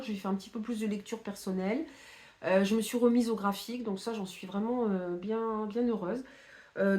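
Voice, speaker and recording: A woman's voice: medium pitch, dark tone. A woman chatting casually to camera about her reading plans, with many fillers and restarts. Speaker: book vlogger.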